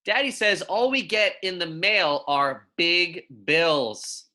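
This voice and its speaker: Reading aloud to young children, an elementary school teacher keeps the lesson friendly, informal, and encouraging. She speaks slowly at medium pitch in a pushed, bright voice.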